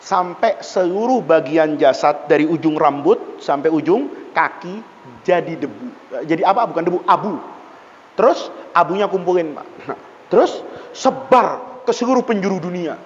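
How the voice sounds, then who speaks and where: A man preaching a lively mosque sermon on a classical text, telling stories and acting out voices, often addressing his listeners directly. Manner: animated, swings between loud exclaiming and soft low narration. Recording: dull lo-fi audio with long hall reverb.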